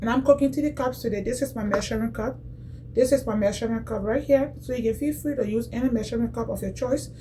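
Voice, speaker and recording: A woman's voice: a little high, quick pace, background noise. A woman from Liberia, casually demonstrating cooking in a home kitchen and chatting directly to her viewers, often repeating herself. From Liberia, West Africa. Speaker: cooking vlogger.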